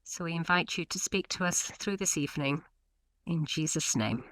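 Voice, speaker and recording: A woman with a Scottish accent hosting a church webinar and leading a prayer in a measured, earnest way. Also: deep voice, expressive, a bit bright, low-quality recording. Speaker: webinar host.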